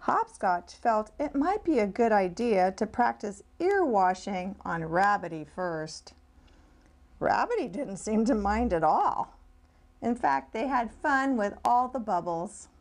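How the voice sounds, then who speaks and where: Picture-book reader, woman, slow and melodic, fairly high voice. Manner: expressive, sing-song storytelling. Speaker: speech-language pathologist reading aloud. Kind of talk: children's picture-book read-aloud.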